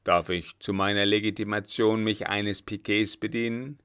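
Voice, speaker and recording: A man's voice: lowish voice, steady tone, normal speed, fairly bright tone, clean tone, no echo, clean studio sound, lightly acted. A man voicing an ambitious male army captain who speaks formally and deferentially to his superior.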